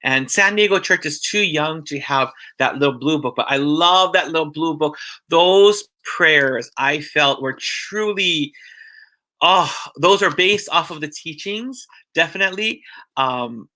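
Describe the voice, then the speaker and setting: A male church minister giving an informal religious mini-lesson, earnest and heartfelt, often halting and restarting his sentences. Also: on the high side, expressive, pushed and bright.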